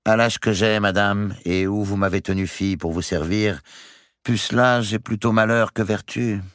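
A man voicing a sly, cruel lady's maid in her thirties who speaks with false gentleness. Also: fairly low pitch, fairly even intonation, normal speed, no room sound, studio quality, voice pushed up, lightly acted. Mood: coolly defiant.

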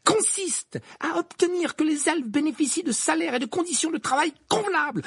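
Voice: medium pitch, a little mellow, husky, dry recording, studio quality, voice pushed up. An audiobook reader voicing Hermione, an earnest, bossy teenage witch who lectures with eager insistence. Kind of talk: audiobook character voice.

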